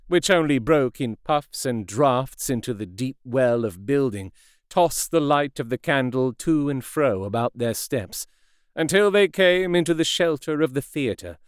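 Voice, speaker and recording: A man narrating a classic novel as an audiobook in a measured, expressive way. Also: medium pitch, smooth, no room sound, studio quality. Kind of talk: scripted narration.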